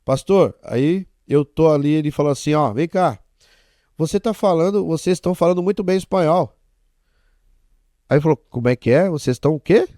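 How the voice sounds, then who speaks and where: A man's voice: a little high, lively intonation, brisk, dark tone, no room sound, clean studio sound. A Brazilian man, a guest apostle, telling a testimony animatedly and acting out the dialogue. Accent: Brazilian Portuguese. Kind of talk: testimony storytelling.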